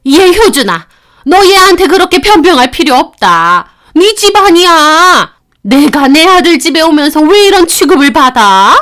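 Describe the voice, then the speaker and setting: Woman playing a shrill domineering mother-in-law. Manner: scornful, shouting, bossy.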